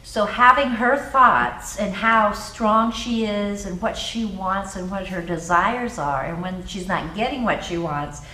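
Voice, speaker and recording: In a spoken class critique, a woman who teaches drama coaches her acting students with encouragement. Her mid-range voice has a sharp tone and a measured pace with few pauses, recorded amid roomy echo and clear background noise.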